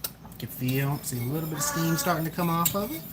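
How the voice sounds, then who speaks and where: Over heavy background noise of clattering and a screaming parrot, a home cook shows a recipe on his phone camera, relaxed as he walks through the steps and chats with his child. He speaks fairly quickly at a fairly high pitch in this casual cooking stream.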